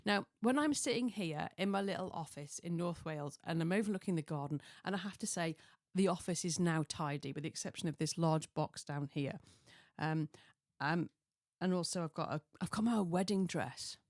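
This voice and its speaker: A woman hosts a casual solo podcast, speaking at a moderate pace with hardly any pauses. Her voice is fairly low and a little croaky, and she rambles self-deprecatingly, wandering off on tangents. The recording is close and dry with no echo, made in a small home office.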